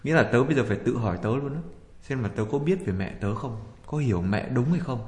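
A man's voice: medium pitch, lively intonation, fast talker, a little mellow, reverberant, in a large hall. A man co-hosting a religious talk show, explaining passages and bantering with his partner. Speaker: co-host.

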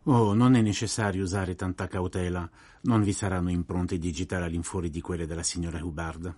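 A man voicing a fussy, thoughtful aging detective in an audiobook, polite, weary and measured. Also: sits low, fairly even intonation, darkish tone, breathy edge, no echo.

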